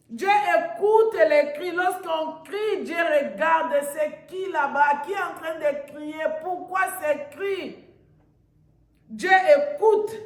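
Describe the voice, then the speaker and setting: Slow, high-voiced woman preaching in an echoey church. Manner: emphatic, repetitive, bursts into shouts. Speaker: pastor. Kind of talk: sermon.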